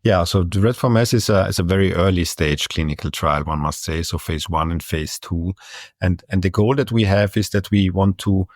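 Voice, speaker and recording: The speaker, a middle-aged neurologist from Austria, has an Austrian German accent and a low-pitched voice at a moderate pace. Answering questions as an interview guest, he hesitates, restarts often and leans on fillers; the studio sound is clean with no room sound.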